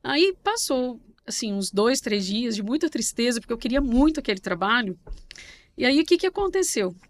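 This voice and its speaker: A middle-aged woman from Brazil, a podcast guest, telling her story in a lively, warm way. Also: a little high, moderate pace. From Brazil, São Paulo state. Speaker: guest, banking correspondent. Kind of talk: casual interview chat.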